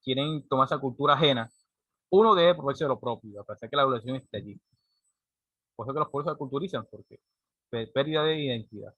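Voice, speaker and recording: A male teacher lectures his class quickly, with a sharp tone in his mid-range voice, over a dry recording. He explains things and frequently checks in with a rhetorical "¿cierto?"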